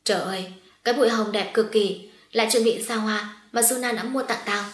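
A woman voicing a spirited young woman who exclaims loudly and retorts quickly. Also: mid-range voice, roomy sound, lightly acted. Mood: teasing.

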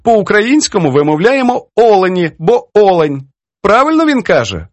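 A man voicing a merry elderly woman children's poet who teases and mocks her editor. He reads it in a high, lively voice. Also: moderate pace, no echo. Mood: mocking. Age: older. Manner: teasing, laughs easily.

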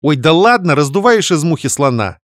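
A man voicing a bubbly, scheming young woman who chatters quickly and wheedles. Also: fairly high pitch, animated, no room sound, studio quality, voice pushed up, close to an everyday voice. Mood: breezy teasing.

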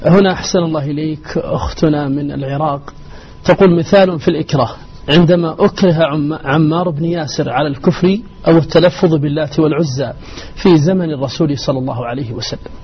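A courteous male presenter reads out listeners' messages. He talks quickly in a very breathy voice, a bit high for a man, heard through a muffled radio broadcast. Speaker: program presenter. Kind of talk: radio program moderation.

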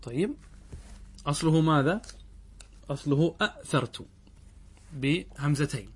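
A sheikh gives a grammar lesson in a fairly high voice for a man. He works through each rule slowly, asks his listeners questions and answers them himself, and draws out each example word syllable by syllable. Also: slightly rough. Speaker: sheikh teaching Arabic grammar. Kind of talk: classroom lesson explaining a grammar text.

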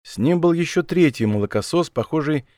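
A man reading a story aloud as an audiobook narrator in an even storytelling manner. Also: a little high, brisk, no echo, clean studio sound. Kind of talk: scripted narration.

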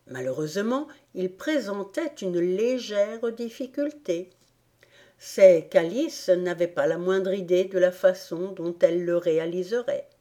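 A woman reading a children's classic aloud as an audiobook narrator, in a measured, deliberate storytelling manner. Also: on the low side, expressive, dark tone. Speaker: audiobook reader. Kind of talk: scripted narration.

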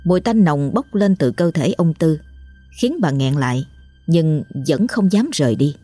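Low, husky woman narrating horror. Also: animated, warm tone, no room sound, faint music behind. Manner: measured, somber storytelling. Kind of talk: scripted horror story narration.

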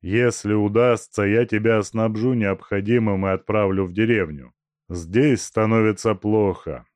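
A man voicing a loud, gruff robber chief. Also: lowish voice, steady tone, measured pace, no echo, close to an everyday voice. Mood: gruff, brooding. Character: brutal, mocking male robber chief. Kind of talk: audiobook character voice.

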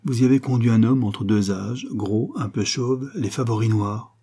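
A man's voice: medium pitch, normal speed, dark tone, husky. A man playing a crafty young swindler, asking brief, severe questions. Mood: stern. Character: crafty young male swindler, curt and stern.

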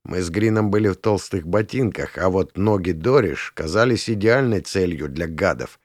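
A man narrating a first-person novel in a calm, measured reading. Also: low voice, dry recording, clean studio sound. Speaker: audiobook narrator.

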